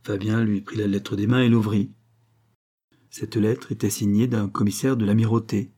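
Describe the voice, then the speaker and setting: A man reading a classic novel aloud as narrator, measured and dramatic. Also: on the low side, little pitch movement, dark tone, breathy edge. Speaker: audiobook narrator. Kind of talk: scripted narration.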